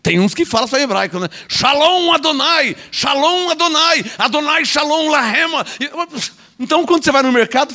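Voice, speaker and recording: Very high, bright and forceful, this Brazilian Portuguese-accented man delivers a sermon in the role of an apostle. His preaching is scolding and sarcastic, full of mocking asides and repeated words.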